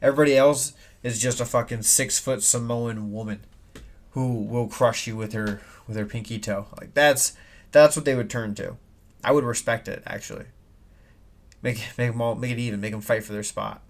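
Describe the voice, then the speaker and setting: A man's voice: medium pitch, fairly even intonation, normal speed. A man hosting a solo podcast, rambling and swearing with many restarts, in a slightly nasal voice, with an air filter and ceiling fan humming in the background. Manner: rambling, profane, full of restarts and asides. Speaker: podcast host. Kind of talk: casual solo podcast rant. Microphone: desk mic, no headphones.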